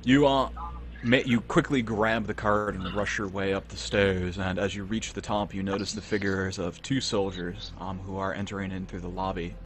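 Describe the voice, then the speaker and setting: A man running a tabletop game as game master, calmly narrating the scene for his players. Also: low voice, normal speed, a little hiss or hum. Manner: calm descriptive narration.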